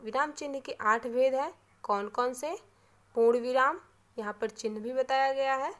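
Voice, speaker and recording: Hindi teacher woman, slightly high voice. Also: fairly bright tone. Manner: repeats key terms slowly, frequent "है ना" tag questions. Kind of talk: classroom grammar lesson.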